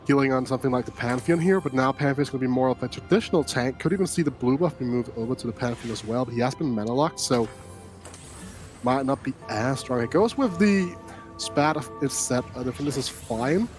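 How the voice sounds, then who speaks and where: A man's voice: medium pitch, darkish tone. A man giving analytical color commentary on an esports match, often saying "like" and "right?" as he thinks aloud. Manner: talks it through with many "like" and "right?" tags. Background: faint background music.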